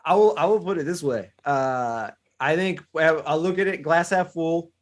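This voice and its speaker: Man giving measured sports analysis. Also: fairly high pitch. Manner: analytical, weighs both sides. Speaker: podcast co-host. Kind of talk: casual sports chat.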